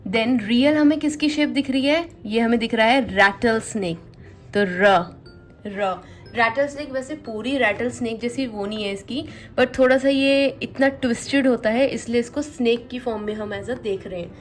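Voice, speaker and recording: A woman teaching the Korean alphabet, slowly repeating each sound and giving memory tricks. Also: a little high, soft background music. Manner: slow, repetitive, spells out sounds and mnemonics. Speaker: language teacher.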